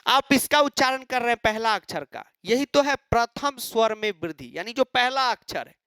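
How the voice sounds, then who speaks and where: A man's voice: extremely high pitch, expressive, moderate pace, pushed and bright, clean tone, no echo, studio quality. A man teaching an exam-prep lecture, asking and answering his own questions and mimicking students.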